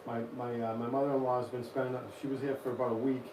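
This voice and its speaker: A man's voice: medium pitch, little pitch movement, very fast. A man in his forties with a Boston accent, chatting informally and rambling a little as he hosts a casual live stream. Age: 40s. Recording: roomy echo, distant mic, noisy.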